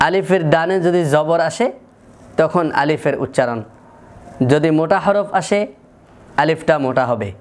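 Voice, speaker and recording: High-voiced man teaching Quran pronunciation. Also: normal speed, long pauses. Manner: patient, methodical, repeats sounds to demonstrate. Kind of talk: slow, deliberate lesson with repeated sample sounds.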